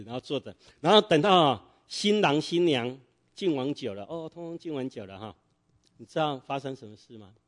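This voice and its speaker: A middle-aged man with a mid-range voice preaches a sermon in church. He tells a story and quizzes the congregation with fill-in-the-blank questions.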